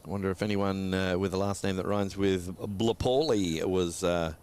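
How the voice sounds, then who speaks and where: A man's voice: deep voice, steady tone, moderate pace, darkish tone, clean tone. A man doing casual live cricket commentary, full of teasing banter.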